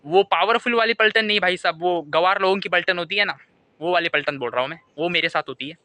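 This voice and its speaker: A young man telling a comic monologue to camera, animated storytelling that keeps circling back to a catchphrase. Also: high voice, fast. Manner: animated storytelling, keeps repeating "bhai sahab". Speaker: comedy vlogger. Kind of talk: stand-up style comic monologue.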